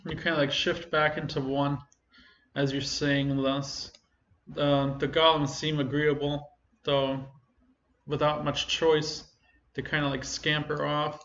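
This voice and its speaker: A man runs a tabletop game, narrating casually and haltingly as he improvises. His voice is fairly flat in pitch and comes from an echoey room. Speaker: game master. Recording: echoey room, slightly muffled, faint noise.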